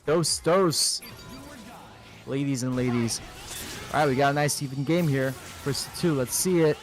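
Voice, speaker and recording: A man's voice: medium pitch, unhurried, soft background music. A man in his thirties doing casual, crude, joking commentary on a fighting game tournament stream. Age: 30s. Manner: joking, crude, playful banter.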